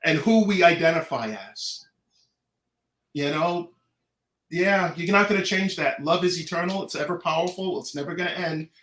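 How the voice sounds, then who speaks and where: Bright, emphatic American man, echoey room. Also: fairly high pitch, moderate pace. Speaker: Pride organizer and guest. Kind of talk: animated casual talk, earnest community advocacy. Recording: roomy, echoing live sound.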